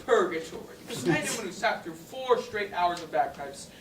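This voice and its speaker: A student playing a snide, mocking young playwright in a high school stage comedy, with sarcastic, drawn-out delivery. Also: lively intonation, very noisy, close to an everyday voice. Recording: distant stage mic, echoey hall, crowd laughter.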